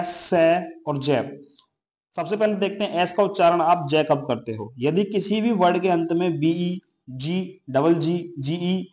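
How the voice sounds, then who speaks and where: Man, fairly high voice, English teacher, pronunciation lesson, lists example words. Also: darkish tone. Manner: explains rules, then lists example words one by one.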